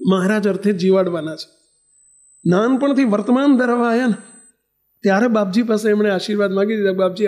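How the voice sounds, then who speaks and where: A man's voice: high-pitched, darkish tone. A man, a swami, telling a story in a sermon and addressing the devotees directly with rhetorical questions. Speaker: swami giving a religious discourse.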